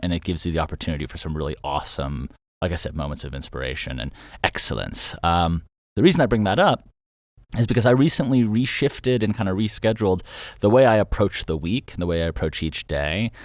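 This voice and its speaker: Speaking briskly in a low-pitched voice, a man who creates and hosts audio dramas rambles through an unscripted solo update on his creative projects. The studio-quality recording has no room sound.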